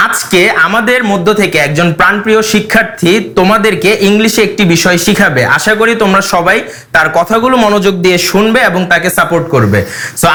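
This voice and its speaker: A male English teacher addressing his students and then the viewers in a brisk, encouraging way. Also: high voice, bright, forceful tone. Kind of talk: classroom address.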